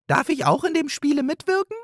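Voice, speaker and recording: A shrill, excitable magpie, as a man puts her on. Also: a little fast, no echo, clean studio sound, heavily acted. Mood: excited. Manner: shrill, eager. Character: excitable chattering female magpie.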